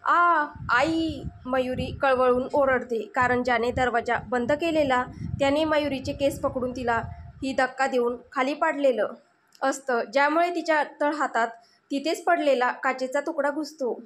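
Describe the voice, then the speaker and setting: A woman storyteller giving steady, dramatic scripted narration of a tale. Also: sits high, moderate pace, slight background noise.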